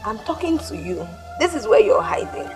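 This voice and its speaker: A sharp-tongued young wife, nigerian accent, film drama, music behind. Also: female voice, on the high side, big pitch swings, moderate pace. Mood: scolding. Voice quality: sharp, scolding. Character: scornful young wife confronting her husband. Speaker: angry wife.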